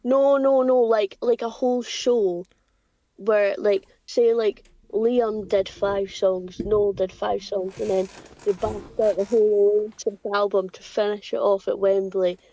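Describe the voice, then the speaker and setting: A young woman, chatting casually as a podcast co-host, full of "like" and quick asides. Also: mid-range voice, fairly even intonation, warm tone. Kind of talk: casual chat. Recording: dry, dull home podcast audio.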